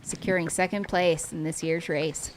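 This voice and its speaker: A woman commentating a race livestream from away from the course, chatty and openly excited. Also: lowish voice, normal speed. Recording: noisy live stream.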